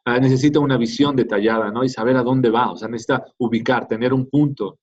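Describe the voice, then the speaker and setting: In a dull lo-fi classroom recording, a male teacher talks fast in a slightly mellow, mid-range voice. He lectures conversationally, often asking "¿no?" to check in with his students.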